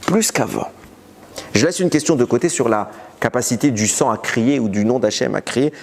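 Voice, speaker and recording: A man, a rabbi, giving a recorded Torah lesson. He teaches in a lively way, posing questions and answering them himself. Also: medium pitch, moderate pace, creaky, big-room sound.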